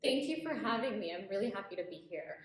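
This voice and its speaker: A woman's voice: medium pitch, expressive, fast talker. A woman in her late twenties, originally from Ethiopia, speaking as a guest in a casual interview, upbeat and earnest, with frequent restarts. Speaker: guest, HR professional. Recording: very echoey room, faint ambient noise.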